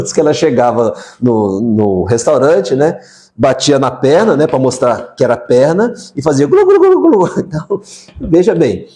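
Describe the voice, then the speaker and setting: A man's voice: medium pitch, dark tone. Brazilian man coaching mothers, darkish voice. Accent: Brazilian Portuguese. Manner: conversational, frequent tag questions. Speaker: parenting coach. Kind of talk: live stream talk to mothers.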